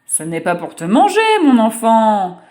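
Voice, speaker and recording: A woman voicing a gentle, kindly male crocodile in a storybook reading, speaking in a soothing, reassuring way. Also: mid-range voice, big pitch swings, measured pace.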